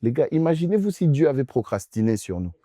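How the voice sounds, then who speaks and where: Man, young adult, pastor, youth Q&A preaching, mellow voice, close dry sound. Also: mid-range voice, very animated, fast, dry recording. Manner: emphatic, repeats phrases insistently, addresses listener directly.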